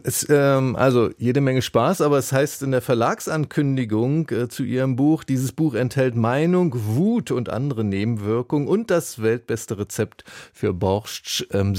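A man interviewing an author, asking measured questions with some hesitation fillers. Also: mid-range voice, a little mellow, no room sound, studio quality. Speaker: radio interviewer.

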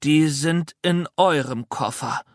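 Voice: medium pitch, slow pace, no room sound, close to an everyday voice. A reader voicing a stern, dismayed father in a children's audiobook, dry and stern.

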